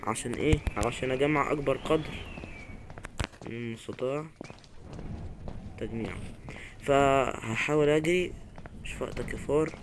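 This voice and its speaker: Egyptian man, horror game commentary, mid-pitched, jittery mutterer, loud background noise. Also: normal speed, pauses often. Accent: Egyptian Arabic. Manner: jittery, muttering prayers, sudden scared yelps. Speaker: gaming YouTuber.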